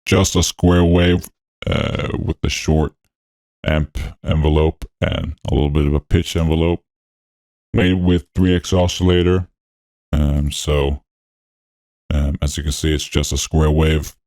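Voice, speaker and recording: A man talking through a voice changer that deepens his voice. He hosts a music production tutorial, narrating each step in a laid-back, technical way with frequent fillers. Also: flat delivery, a little slow, a little mellow, no echo. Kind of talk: walkthrough narration over a screen recording.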